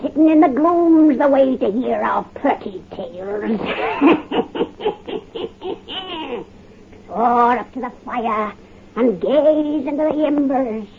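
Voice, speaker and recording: A woman's voice: high voice, lively intonation, slow pace, long pauses, a little hiss or hum, full character voice. A woman voicing a cackling 103-year-old witch who tells a horror story on a 1930s radio drama, heard through a dull old recording. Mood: gleeful, sinister. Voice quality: cackling, drawling.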